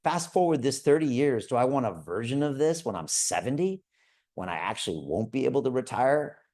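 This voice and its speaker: A man's voice: medium pitch, expressive, brisk, darkish tone. A man hosting a live call, giving an earnest motivational talk and often checking in with "right?". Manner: earnest, repeats "right?" to listeners. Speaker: show host. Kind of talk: motivational livestream talk to viewers.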